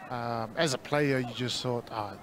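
A man, a former player, commentating live in a relaxed, hesitant way with plenty of fillers. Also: mid-range voice, unhurried. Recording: crowd noise behind.

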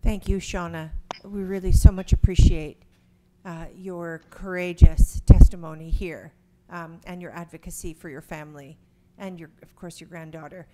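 A woman chairing a legislative hearing, speaking in a formal, appreciative and measured way. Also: lowish voice, fairly even intonation, warm tone. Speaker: committee chair.

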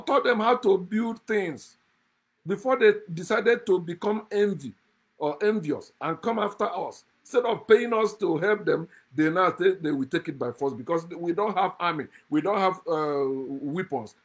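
A middle-aged man hosting a channel sits at a desk indoors and launches into a scornful, fiery address to the camera, laughing softly between his arguments. He speaks on the high side with a breathy edge.

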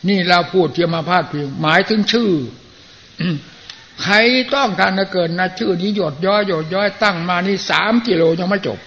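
Older monk with a gravelly voice, lo-fi recording. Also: male voice, high-pitched, moderate pace, fairly bright tone. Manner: plain-spoken, folksy, frequent throat clearing. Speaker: Buddhist monk giving a dharma talk. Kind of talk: sermon. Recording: muffled lo-fi archive recording with faint hiss.

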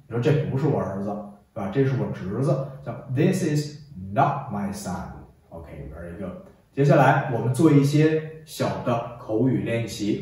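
A man's voice: mid-range voice, warm tone. A man teaching an English lesson, drilling phrases for the viewer to repeat and praising with "very good". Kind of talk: classroom-style English lesson. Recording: echoey room, distant mic.

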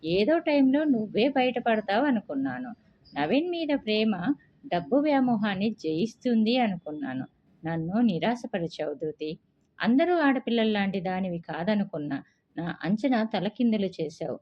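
A woman reading a wounded young suitor in an audio story, reproachful and biting, voice dipping a touch lower than her own, the recording dull and lo-fi. He stays lively in tone while he scolds. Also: normal speed. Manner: reproachful, sarcastic. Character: young man, hurt and sarcastic suitor.

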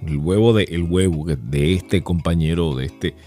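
A man's voice: low voice, normal speed, dark tone, soft background music. A Venezuelan man hosting a podcast, explaining in a casual and playful way, often laughing and acting out mock exclamations. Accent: Venezuelan Spanish. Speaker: podcast host.

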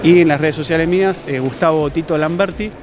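Music plays as a slightly high-voiced man speaks fairly quickly into a handheld reporter microphone in a busy indoor gym hall. The thirty-something self-defense instructor from La Plata answers spontaneously and explanatorily with an Argentine Spanish accent.

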